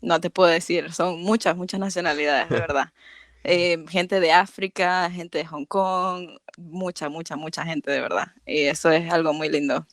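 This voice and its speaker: A woman from Venezuela with a Latin American accent talks as a podcast guest. She speaks at a mid pitch, warm and hesitant, often pausing on fillers. The sound is close and dry. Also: fairly even intonation, no room sound. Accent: Latin American Spanish. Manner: warm, hesitant, many fillers and soft laughs. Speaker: podcast guest, chemical engineer. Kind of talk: casual interview chat.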